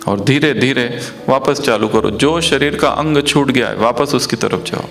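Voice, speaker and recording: Guy teaching meditation, slow repetitive talk, asks the listeners stuff, faint music behind. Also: mid-range voice, a bit bright. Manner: slow, repetitive, chanting phrases.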